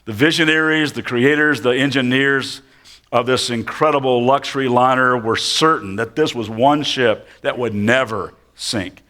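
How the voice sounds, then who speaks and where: A male pastor preaching a sermon as dramatic storytelling, slowing and dropping to hushed tones for effect. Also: mid-range voice.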